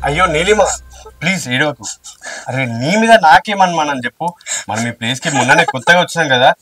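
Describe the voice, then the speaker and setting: A man's voice: on the high side, fast talker, a bit bright, dry recording. A man acting a worried, apologetic young husband in a short film, soothing and pleading. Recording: distant mic with faint music.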